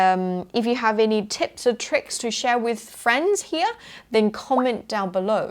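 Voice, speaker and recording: A woman giving a casual pronunciation lesson, slowly demonstrating words over and over and mixing with English. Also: mid-range voice. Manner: demonstrates words slowly and repeatedly, switching between Thai and English. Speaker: English teacher.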